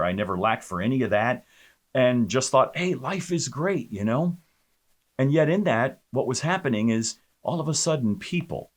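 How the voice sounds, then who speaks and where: Animated male pastor telling his testimony. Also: medium pitch. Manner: animated storytelling with many fillers and restarts. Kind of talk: personal testimony.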